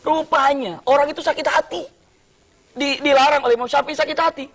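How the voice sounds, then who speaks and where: A middle-aged man from Indonesia preaching a sermon, telling a story with sudden cries and hushed asides. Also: very high-pitched, steady tone, brisk.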